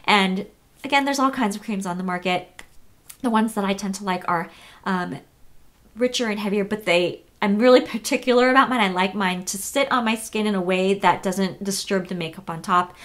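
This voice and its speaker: An American beauty vlogger in her thirties talks casually through a makeup tutorial, using plenty of filler words and correcting herself quickly. Her voice sits at a medium pitch.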